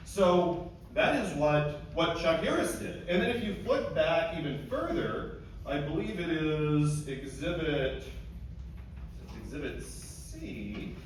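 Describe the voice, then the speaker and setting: A man speaking as an attorney giving a closing argument at a hearing, emphatic and argumentative, sometimes stumbling and repeating words. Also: fairly high pitch. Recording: echoey room, distant mic, faint noise.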